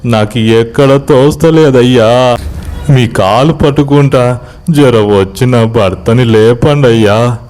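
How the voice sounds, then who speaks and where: A man voicing a weeping woman ghost who pleads for help, in a Telangana accent, with slow, drawn-out words. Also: mid-range voice, warm tone, clear, resonant tone, voice pushed up, lightly acted. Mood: pleading, sobbing. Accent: Telangana Telugu. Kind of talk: horror story voice acting.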